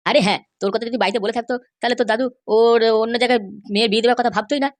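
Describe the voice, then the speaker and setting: A woman's voice: on the high side, steady tone, racing, lightly acted. A woman voicing a worried young cartoon man who rambles on about his girlfriend's family. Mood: grumbling. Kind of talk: cartoon voice acting.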